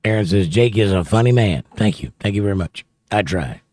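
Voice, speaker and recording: A man hosts a casual livestream, reading viewer comments aloud and chatting about them into a close studio mic held near his mouth. His lowish voice is animated, brisk and a little mellow, and the recording is dry.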